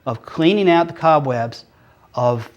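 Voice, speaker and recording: A man's voice: a little high, expressive, a little slow, dull audio. A man who is a guest author on a talk show, speaking in a motivational way and repeating key phrases. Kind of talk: casual chat.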